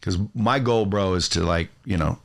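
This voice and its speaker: A man hosts a studio podcast interview in a slightly low voice. He talks in a brash, excitable way and swears freely as he pushes the conversation along. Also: normal speed, creaky. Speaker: podcast host. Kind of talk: casual interview.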